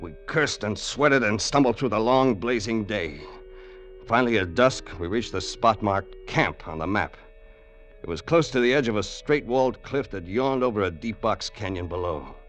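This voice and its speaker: A man with a lowish, slightly bright voice plays a hard-boiled, wisecracking crook telling his own story in 1940s-50s radio acting. He's animated at a moderate pace, his colloquial narration weary and tense over a vintage recording with music.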